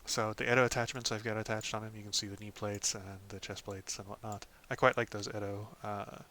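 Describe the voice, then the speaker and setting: Bright-voiced man walking through a game build. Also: lowish voice, fairly quick, slight background noise. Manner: relaxed, lots of ums and "of course". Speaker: gaming channel host. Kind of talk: casual game guide walkthrough.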